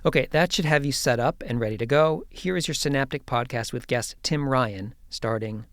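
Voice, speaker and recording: A man hosting a podcast, reading a measured introduction and then asking interview questions in an office. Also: mid-range voice, a bit bright, no echo, clean studio sound. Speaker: podcast host. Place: office with air conditioning hum.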